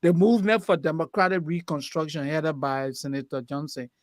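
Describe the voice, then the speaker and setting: A man on a talk show panel, speaking slowly and deliberately with many fillers. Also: a little high, fairly even intonation, no room sound, clean studio sound. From Liberia. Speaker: co-host panelist.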